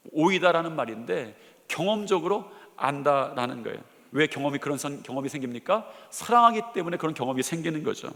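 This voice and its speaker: A man's voice: a little high, vocal fry, a bit bright. Preaching man in an echoing church. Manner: emphatic preaching, rhetorical questions. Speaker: senior pastor. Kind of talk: sermon. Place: large church sanctuary. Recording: long hall reverb of a church.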